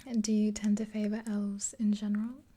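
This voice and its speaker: Facing the camera in a small room with a dark backdrop, an ASMR creator in her twenties plays a makeup artist friend, whispering right up against the microphone. Her mid-range voice is breathy and mellow, and her delivery is even and unhurried with small hesitations. It plays out as a soothing, one-sided chat with the listener.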